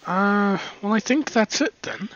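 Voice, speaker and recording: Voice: mid-range voice, unhurried, fairly bright tone. A gameplay commentator rambling casually while exploring, often muttering asides under the breath and giggling. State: hiccups. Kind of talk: casual let's-play commentary. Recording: slightly dull lo-fi recording.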